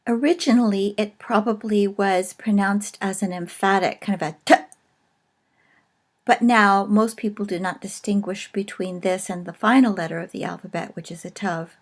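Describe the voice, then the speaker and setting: A woman teaching in a recorded video lesson, explaining slowly and carefully with pauses. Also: mid-range voice, steady tone.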